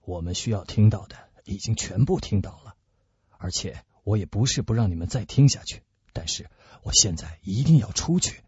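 A man as a calm resolute musketeer. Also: on the low side, normal speed, slightly rough, dry recording. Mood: firm. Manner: hushed, firm. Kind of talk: radio storytelling. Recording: dull lo-fi recording.

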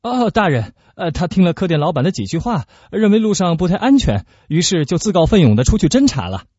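A man's voice: high-pitched, big pitch swings, fairly quick, darkish tone, slightly rough, no room sound, full character voice. A man voicing a hearty, blustering male musketeer in radio storytelling, stammering with eager fillers. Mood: flustered. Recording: dull lo-fi recording.

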